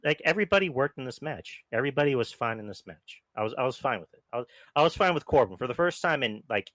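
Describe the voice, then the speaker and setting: A man's voice: medium pitch, lively intonation, fast, fairly bright tone, dry recording. A man hosting a solo show, reviewing wrestling in a casual, rambling way full of fillers, restarts and blunt swearing. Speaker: solo podcast host.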